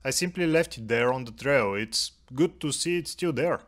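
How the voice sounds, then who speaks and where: A man giving calm voice-over narration for a walk with his cat, with a dry, gently humorous manner. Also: medium pitch, normal speed. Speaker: cat vlogger narrating a hike.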